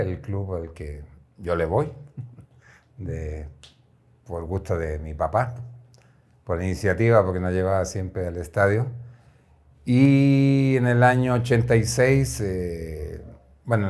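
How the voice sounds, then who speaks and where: A man in his sixties from Chile, a former footballer telling his career story in a relaxed, reflective way with frequent fillers. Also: fairly low pitch. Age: 60s. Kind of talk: casual interview storytelling.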